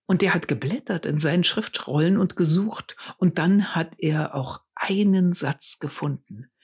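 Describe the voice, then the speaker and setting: A woman's voice: fairly low pitch, husky, exaggerated voice. Woman reading an earnest shepherd. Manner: slow, earnest storytelling. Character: earnest adult male shepherd telling news.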